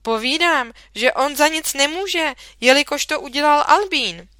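A woman's voice: sits high, expressive, pushed and bright, no room sound, clean studio sound, pitched above the performer's own voice. A woman voicing an earnest young schoolboy who eagerly protests, in a storybook reading.

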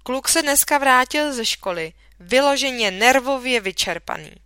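A woman's voice: sits high, expressive, sharp tone, smooth, no room sound, voice pushed up. A woman voicing a worried mother who fusses anxiously over her son, in a storybook reading. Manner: anxious, fussing.

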